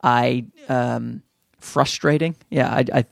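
A man with a Newfoundland accent and a noticeably high voice, recorded close and dry. He hosts a casual solo podcast, rambling along in a self-deprecating, sweary way. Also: animated, normal speed, dry recording. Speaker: podcast host and amateur comedian.

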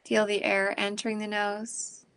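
Gravelly-voiced woman guiding a meditation. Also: medium pitch. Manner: slow, calm and soothing, with pauses between phrases. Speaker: meditation guide. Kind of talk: guided meditation.

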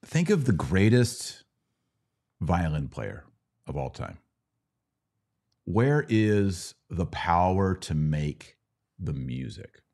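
A middle-aged man hosts a casual live Q&A podcast, answering Bible questions and teaching step by step through questions and simple analogies. His low, darkish voice swings widely in pitch, and he speaks slowly with frequent pauses.

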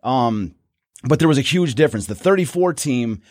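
Man, casual podcast co-host, rambling, mid pitch, dry close sound. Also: lively intonation, moderate pace, a little mellow, no room sound. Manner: rambling, many restarts and fillers. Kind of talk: casual sports history chat.

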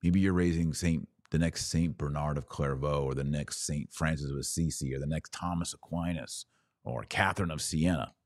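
This American man's bass voice stays fairly even in intonation at a moderate pace as he hosts a podcast. His religious commentary, pitched between a sermon and a live-stream chat, is earnest and emphatic, with lists built up phrase after phrase. The recording is dry and studio quality.

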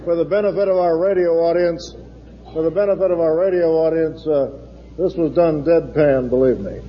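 A man's voice: fairly high pitch, fairly even intonation, normal speed, noisy background. A man chairing a forum, giving a formal introduction with dry joking asides, his voice echoing through a big hall. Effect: big hall echo. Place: large lecture hall. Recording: lo-fi archival recording, long hall reverb.

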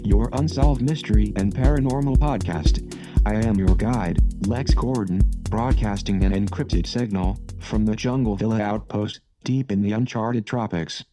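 A man speaking through a metallic robot voice filter as a booming robotic announcer, opening his podcast in a stiff, announcing manner. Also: moderate pace, music in the background. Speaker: podcast host. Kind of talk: scripted podcast intro.

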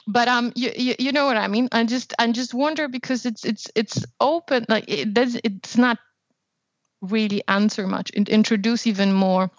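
A woman's voice: fairly high pitch, steady tone, moderate pace, dry recording. Woman co-hosting an academic podcast, lo-fi. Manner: thoughtful, hedging with "right?" and "you know". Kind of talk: casual academic discussion.

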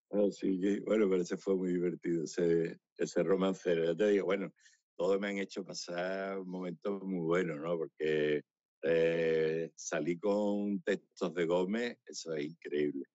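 Chatty low-voiced man. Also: unhurried, dry recording. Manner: chatty and animated, laughing through anecdotes. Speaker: romancero performer. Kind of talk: casual interview storytelling. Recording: slightly dull, dry radio recording.

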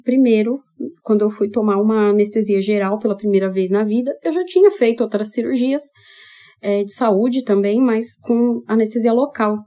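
A woman's voice: fairly high pitch, warm tone. A woman with a Brazilian Portuguese accent hosting a podcast, telling a personal story candidly and expressively, speaking straight to her listeners. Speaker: podcast host.

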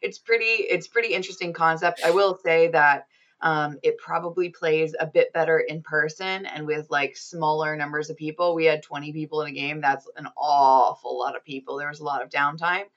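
Low-pitched woman hosting a games podcast, chatty, lots of ums, kinda dull lo-fi sound. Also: steady tone, normal speed, fairly bright tone. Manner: chatty, upbeat, frequent ums and laughs. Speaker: podcast host. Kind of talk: casual gaming podcast chat.

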